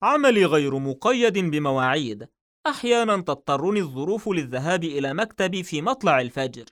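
A man doing a calm, sure detective. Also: brisk. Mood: calm, firm. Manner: calm and assured, slightly raised pitch. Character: calm, confident male police detective.

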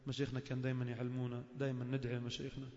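A man's voice: mid-range voice, monotone, rapid-fire, mellow. A man preaching a sermon in a mosque, telling stories animatedly and acting out the quotes. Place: mosque hall. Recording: echoey mosque hall, dull lo-fi sound.

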